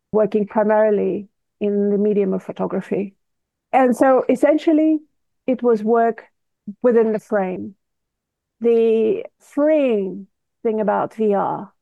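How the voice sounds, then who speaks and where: A woman in her fifties from Russia, speaking English with a Russian accent as an interview guest, measured and deliberate, searching for words. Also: mid-range voice, vocal fry, no echo. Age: 50s. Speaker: guest artist. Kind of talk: interview answers. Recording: tinny phone-like line, dry.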